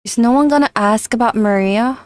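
A woman's voice: fairly high pitch, a little fast, no echo, studio quality. A woman streamer reading game narration aloud with earnest storytelling and wry asides.

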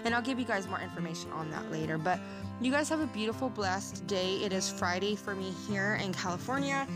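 A woman with a raspy voice, chatting in a rambling, friendly way straight to her viewers in a casual haul video. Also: mid-range voice, expressive, brisk, loud music behind the voice. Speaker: haul vlogger.

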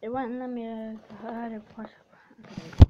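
A woman's voice: on the high side, level tone, measured pace. Boastful woman bantering over a game. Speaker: gamer. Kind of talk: casual chat while gaming. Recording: lo-fi with faint noise.

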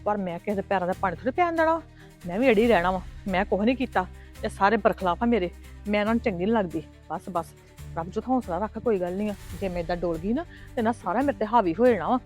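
A woman's voice: a little high, lightly acted. An actress with a Punjabi accent playing a scheming, defensive mother who wails and exclaims melodramatically. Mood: self-pitying. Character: scheming middle-aged mother, shrill and defensive. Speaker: mother of grown sons. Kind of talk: village family web drama.

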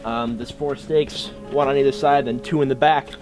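Casting: young male outdoors host, relaxed, mid-pitched, chatty how-to delivery, music behind. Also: moderate pace. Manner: relaxed explaining with frequent ums. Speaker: bushcraft channel host. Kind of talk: casual outdoor tutorial. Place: snowy woods outdoors.

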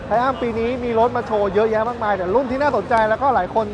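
A man in his thirties presenting bikes at a busy indoor motor show in a lively, chatty way, speaking into a lapel mic. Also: very high voice, fast, dull audio, a crowd in the background. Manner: lively, chatty, points things out. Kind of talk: casual walkaround presentation. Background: music.

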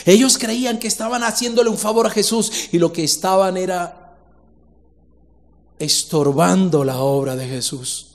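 A man preaching a sermon as pastor, asking rhetorical questions and repeating phrases for emphasis. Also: a little high. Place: church hall. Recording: long reverb in a church hall.

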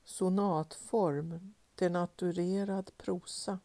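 A woman reading poetry aloud in a measured, rhythmic recitation with repeated refrains. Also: lowish voice, fairly even intonation, mellow, no room sound. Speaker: poetry reader.

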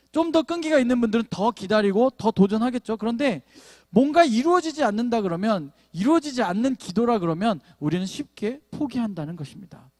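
Animated man preaching a sermon. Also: very high-pitched, dry recording, clean studio sound. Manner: animated storytelling with playful asides to the congregation. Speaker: pastor. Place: church sanctuary.

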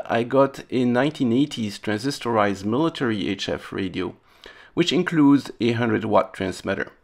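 A man with a mid-range, creaky voice hosts an electronics restoration video channel. In a hobby electronics video, he narrates a demonstration casually, with playful, wry humor.

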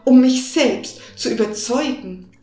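A woman voicing a cunning, flattering male cat in a fairy-tale audiobook, talking eagerly. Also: on the high side, measured pace, lightly acted. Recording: roomy with faint music behind.

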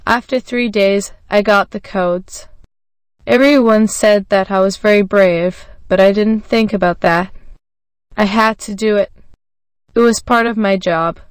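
Smooth, dry-voiced woman narrator. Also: medium pitch, no room sound. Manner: even, measured reading that voices every symbol literally. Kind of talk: scripted narration of a graded reader.

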